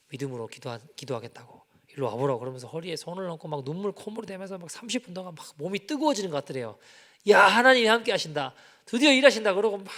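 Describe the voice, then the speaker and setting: A male pastor preaching a sermon, telling a story and acting out its dialogue, moving between soft and loud passages. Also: a little high. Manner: animated, acts out quoted dialogue, swings from soft to loud. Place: church sanctuary. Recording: long church-hall reverb.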